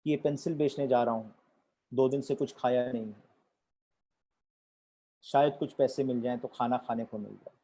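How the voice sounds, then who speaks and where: A man's voice: mid-range voice, fairly even intonation, moderate pace, pauses often, warm tone, pitched below the performer's own voice, close to an everyday voice. A man doing a hungry little street boy. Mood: weary. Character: hungry poor little boy selling pencils.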